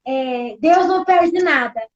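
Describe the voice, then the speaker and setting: A middle-aged woman pastor speaks with a Brazilian Portuguese accent in a very high voice. She talks casually, leaning on tag questions and acting out quoted exchanges. The sound is muffled and lo-fi, like a streamed service. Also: takes it slowly. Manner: chatty, tag questions, animated quoting. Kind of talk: casual church talk.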